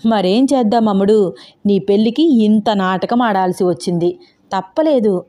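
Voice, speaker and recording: A woman voicing a bossy, scheming grandmother in her seventies who scolds loudly and talks slyly. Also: mid-range voice, normal speed, lightly acted. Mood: sly, confiding. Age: over 60. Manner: shouting, scolding, sly.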